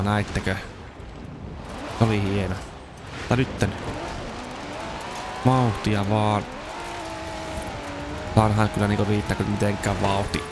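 Casting: low-voiced male gameplay commentator, a bit strained from a dry mouth, loud game music under the voice. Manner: excited yelps at near misses. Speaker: gaming video host.

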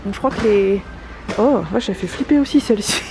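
Wearing a face mask that slightly muffles her medium-pitched voice, a woman in her twenties talks a little fast in a casual shopping vlog. She starts in a car and moves into a large, busy discount store, holding the camera at arm's length, with the background noise of the vehicle and store clearly audible.

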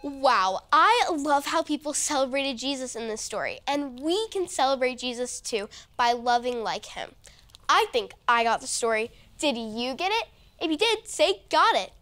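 A woman's voice: high voice, expressive, normal speed, fairly bright tone. A woman wrapping up a preschool Bible lesson cheerfully, asking the children questions. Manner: cheerful, asks kids questions. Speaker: children's show host.

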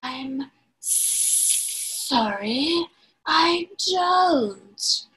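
A woman doing a quiet, slow-talking anaconda. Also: high-pitched, lively intonation, pitched above the performer's own voice, exaggerated voice, low-quality recording. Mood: calm. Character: soft-spoken anaconda giving advice.

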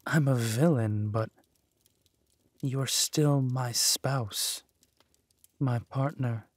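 A man voices a possessive, menacing villain husband who is tender toward his spouse in a roleplay audio drama. He speaks at medium pitch in a slow, soothing, theatrical manner, with no echo.

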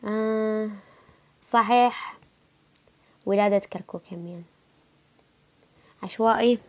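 This young woman, who has an Iraqi Arabic accent and feels sick, hosts a relaxed livestream chat, replying to viewer comments. Her voice is mid-range and darkish, and she talks a little fast.

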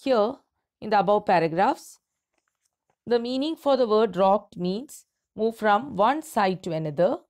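A slow, careful woman teacher reading aloud to her class. She takes her time over each phrase, pausing to explain word meanings in a plain, mid-pitched voice. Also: lively intonation, darkish tone. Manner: slow, deliberate, clear reading with pauses between phrases. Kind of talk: reading a story aloud and explaining vocabulary to students.

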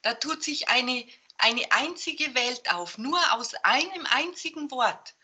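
A woman's voice: high-pitched, expressive, slow pace, sharp tone, husky. A woman speaking on a video call, chatting with enthusiasm and wonder. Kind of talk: casual chat on a video call.

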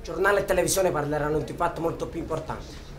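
An actor playing a young Sicilian man raging against the mafia, swinging from bitter quiet to shouting. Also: a little high, fast talker, close to an everyday voice. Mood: bitter, sarcastic. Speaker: auditioning actor. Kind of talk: dramatic audition monologue.

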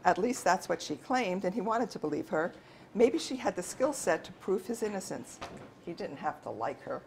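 A woman author reads her novel aloud in a steady, measured way. Her voice sits on the lower side, with a faint hum of the room around her. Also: creaky. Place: bookstore event.

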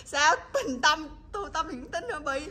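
A woman's voice: high-pitched, lively intonation, measured pace, pushed and bright. A woman chatting with her pets in a teasing, coaxing way, laughing often. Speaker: pet channel host. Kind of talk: casual chat to her pets.

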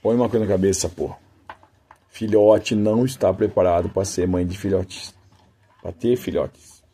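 A man's voice: low voice, steady tone, normal speed, dark tone, slightly rough. A man who breeds dogs, chatting casually to his dogs and viewers, cooing at them in fond baby talk and speaking in a folksy, devout way. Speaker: dog breeder.

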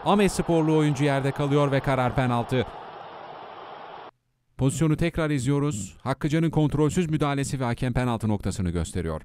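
A man giving football match highlights commentary as a voice-over, lifting his voice for shots and goals. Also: moderate pace, a little mellow.

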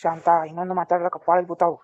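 A woman's voice: lowish voice, monotone, rapid-fire, a little mellow, dry recording, natural voice. A woman voicing a grumpy, bossy middle-aged village husband in a cartoon, with a North Karnataka Kannada accent. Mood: threatening. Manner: bossy, threatening. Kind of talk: cartoon voice acting. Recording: dull lo-fi recording.

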